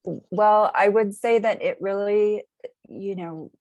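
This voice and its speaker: A woman representing a community agency answers interview questions in measured, jargon-heavy phrases with many filler words. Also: mid-range voice, a little mellow, no room sound.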